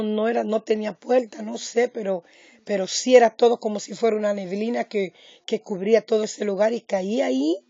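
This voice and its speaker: A woman preacher with a gravelly, slightly high voice tells her testimony with fervent, repetitive intensity. The sound is dull and lo-fi, with a dry, close feel. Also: a little mellow, no room sound. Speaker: pastor. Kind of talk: testimony sermon.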